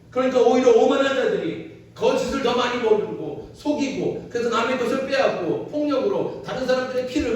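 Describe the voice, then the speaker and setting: A male pastor with a fairly high voice, preaching an earnest sermon that presses each point with repetition. He sounds set back from the mic, with strong church-hall echo and faint room noise behind him. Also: recorded from a distance. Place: church sanctuary.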